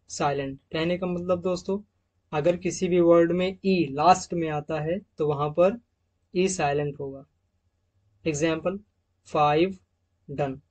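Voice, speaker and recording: Brief: male teacher, fairly high voice, patient word drills, dull lo-fi recording. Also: darkish tone. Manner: addresses viewers as friends, repeats example words slowly. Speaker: English teacher. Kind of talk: slide-based pronunciation lesson.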